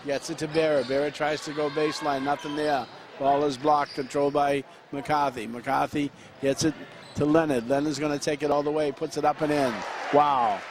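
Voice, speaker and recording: Upbeat high school basketball announcer, man. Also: little pitch movement, noisy background. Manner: quick play-by-play with frequent fillers. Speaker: play-by-play announcer.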